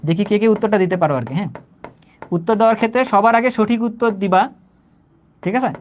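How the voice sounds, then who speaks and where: Fast-talking young Bangladeshi chemistry teacher. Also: male voice, high-pitched, slight background noise. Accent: Bangladeshi Bengali. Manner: conversational, keeps checking if students understood; says he talks slowly, repeats himself. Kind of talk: live online class.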